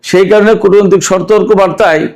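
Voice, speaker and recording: A man hosting a news commentary show, speaking in a measured, deliberate way and asking rhetorical questions. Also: sits high, fairly even intonation, gravelly, darkish tone. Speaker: host.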